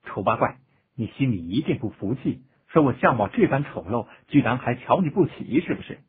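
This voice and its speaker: A man reading the part of a bitter, quick-tempered young village girl in a storybook tale, speaking scornfully. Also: medium pitch, very animated, slightly rough. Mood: spiteful. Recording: tinny phone-like audio.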